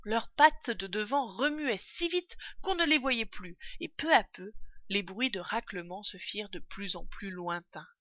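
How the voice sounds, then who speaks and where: A woman narrating a children's audiobook in an expressive storytelling manner. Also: medium pitch, unhurried, no room sound, muffled recording.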